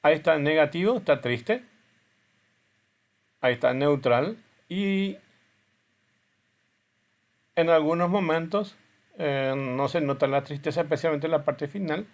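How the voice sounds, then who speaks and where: A man's voice: on the high side, unhurried, pauses often. A man teaching a class, explaining step by step while he shows videos and often checks in with the students. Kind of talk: classroom lecture with video demos.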